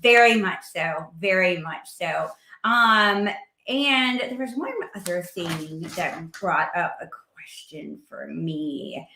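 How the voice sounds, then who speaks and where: Bright-voiced woman hosting a chat. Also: on the low side, animated, slow pace, roomy sound, slight background noise. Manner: chatty, with frequent fillers. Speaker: host. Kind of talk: casual interview chat.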